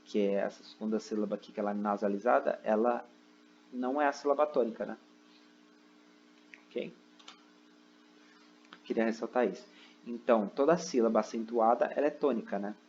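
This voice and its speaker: This recorded online lesson features a male teacher at his computer indoors, explaining each step and frequently asking "né?" and "ok?". He speaks on the low side at a moderate pace with long pauses and a darkish tone. The sound is lo-fi, with slight background noise.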